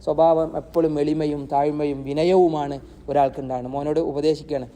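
Dark-voiced preacher man. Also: a little high, level tone. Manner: asks rhetorical questions and answers them himself; recites Arabic verses slowly. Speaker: Quran teacher. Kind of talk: Quran lesson sermon.

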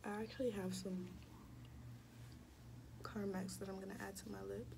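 A young woman chatting casually in a vlog, often dropping into soft whispers, in a small dorm room. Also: mid-range voice, little pitch movement, moderate pace, vocal fry, background noise. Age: young adult. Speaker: vlogger.

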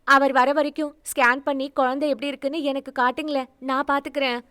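A woman reading a story aloud voices a young pregnant woman who begs in a rushed, tearful way. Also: high-pitched, flat delivery, sharp tone, no room sound, voice pushed up. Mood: pleading. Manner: tearful begging, rushed and urgent.

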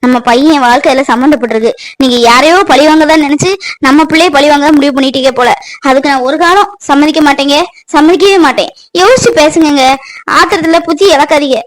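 A woman's voice: high-pitched, fast, lightly acted, low-quality recording. A woman voicing a firm, reproachful middle-aged mother in a cartoon family drama. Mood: stern.

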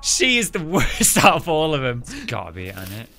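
A man's voice: on the high side, wildly swooping pitch, fairly quick, creaky. A young British man streaming a horror game as a scared, jumpy player who mutters commentary and shrieks and swears at scares, close on a desk mic. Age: young adult. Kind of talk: live gaming commentary. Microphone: close desk microphone, headset on.

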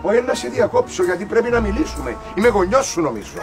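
A man's voice: sits high, very animated, over music. A whiny, meddling Cypriot father. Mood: insistent. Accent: Cypriot Greek. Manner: exasperated, pleading. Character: fussy middle-aged father, whiny and meddling. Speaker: worried father. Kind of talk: sitcom acting. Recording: echoey set from a distance.

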